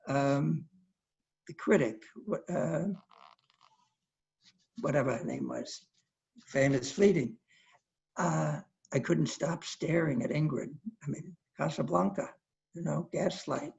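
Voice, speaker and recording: Older man in his 80s, raised gravelly voice, one-man show anecdotes, dull lo-fi stream. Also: fairly high pitch, darkish tone. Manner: anecdotal, chatty, acts out quoted people. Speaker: solo performer. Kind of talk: theatrical storytelling monologue.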